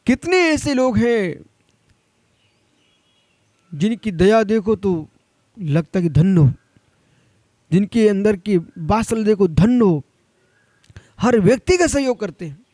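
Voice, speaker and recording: Speaking slowly with long pauses, a Jain monk delivers a scolding, exhorting sermon straight to his audience in a notably high, mellow voice with lively intonation. His pitch climbs when he stresses a point, captured in a dry, close recording without echo.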